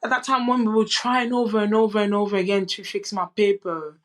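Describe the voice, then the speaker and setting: A young French woman, a boxer appearing as a podcast guest, tells candid stories in conversation. Her medium-pitched voice is level and fairly quick, and she comes across as earnest, with many restarts and "you know" asides.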